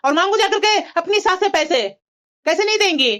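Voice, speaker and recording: A woman's voice: very high voice, expressive, a little fast, a bit bright. A woman voicing a sympathetic elder sister-in-law in a cartoon, giving advice and urging her on. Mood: advising. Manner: advising, coaxing. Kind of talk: cartoon voice acting.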